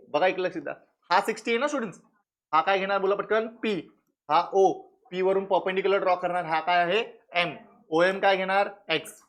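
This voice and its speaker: A math tutor with a Marathi accent runs his class at a brisk clip. He fires short questions at the students and answers them himself, slipping English words in between. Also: high-pitched, a bit bright. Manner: mixes English into the teaching. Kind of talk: classroom lecture.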